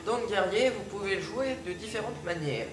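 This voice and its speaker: Sitting high with lively intonation, this man's voice moves at a moderate pace as he talks through a card game for a gaming video, hesitant and full of fillers and restarts because he has a cold. The echoey room, distant off-mic placement, and background music are all audible.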